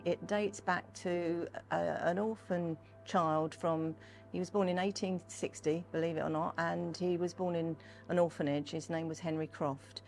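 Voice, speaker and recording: Low-voiced older woman with gravelly creak. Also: steady tone, measured pace, a little mellow, faint music behind. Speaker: Pearly Queen and community fundraiser, interviewee. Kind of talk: informal interview talk about history and culture.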